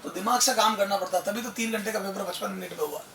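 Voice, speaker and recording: High, bright-voiced male physics teacher. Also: quick pace, recorded from a distance, a little hiss or hum. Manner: animated, asks rhetorical questions, calls listener son. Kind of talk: exam-prep lecture. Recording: echoey room, voice off-mic.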